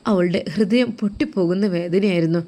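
A woman's voice: medium pitch, brisk, dark tone. A woman storyteller narrating an emotional family story in an earnest, dramatic way.

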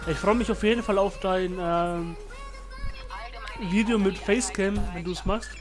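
A young man with a cold and a blocked, stuffy nose hosts his gaming channel, giving casual, laid-back commentary over game footage full of slang and fillers. His high voice stays steady and unhurried while loud music plays underneath the entire time.

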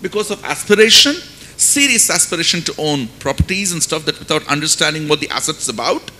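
Speaking as a panelist at a conference, a middle-aged finance academic with an Indian accent uses a handheld mic to press rhetorical questions emphatically. His delivery is brisk and lively in intonation, with a bright, forceful tone, and the recording carries faint noise and low rumble.

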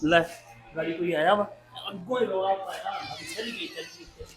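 A man's voice: high-pitched, normal speed, soft background music, natural voice, rough recording. A man playing a visiting brother in a family drama, who jokes and teases as he talks. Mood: teasing. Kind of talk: acted family drama dialogue.

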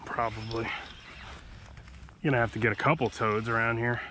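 Out on a calm open sea, a man in his thirties kayak-fishes solo and chats to himself between casts, recorded by an action camera fixed to the boat. His medium-pitched voice is sharp in tone and flat in delivery, at normal speed, with slight background noise. He keeps it casual and laid-back.

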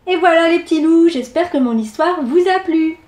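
High-voiced woman reading to children. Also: normal speed. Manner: lively, expressive reading. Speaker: storyteller for children. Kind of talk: reading a story aloud to children.

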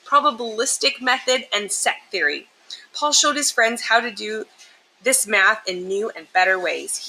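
In poor audio with clear, steady background noise, a woman with a medium-pitched voice reads a children's picture book expressively. She explains and emphasizes things for young listeners.

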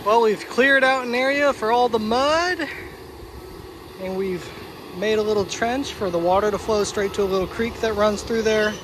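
A young pond builder from Oklahoma explains a pond renovation right on site, speaking earnestly in a high voice at normal speed and sometimes repeating words as he thinks. He's filming on a handheld phone at arm's length, and heavy machinery nearby is clearly audible.

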